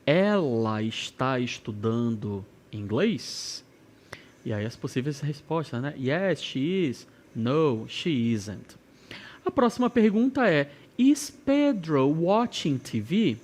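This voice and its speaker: A man with a Brazilian Portuguese accent teaching an English lesson, reading example questions slowly and carefully. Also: a little high, sing-song, darkish tone. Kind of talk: recorded classroom lesson.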